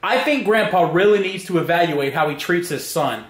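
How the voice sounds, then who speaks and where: A man's voice: a little high, expressive, normal speed. A man hosting casual banter, teasing and jokey as he reads comments aloud in a room at home. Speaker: video host reading out hate comments. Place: indoors in a home dining room. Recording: roomy, echoey home room.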